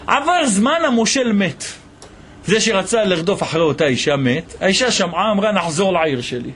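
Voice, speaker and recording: A man teaching a Torah lesson as a rabbi, telling a story with animated voices for its characters. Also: high voice, a little hiss or hum. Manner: animated storytelling, voicing the people in the tale.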